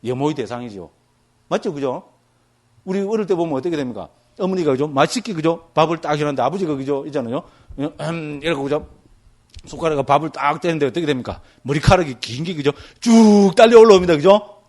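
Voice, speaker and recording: A man with a somewhat high voice lectures on Buddhist teaching as a monk. He talks in a lively, vivid way and keeps asking his audience to agree after almost every phrase. His examples are graphic and full of sound words. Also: fast. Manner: lively, tags nearly every phrase with a check-in question to the listeners.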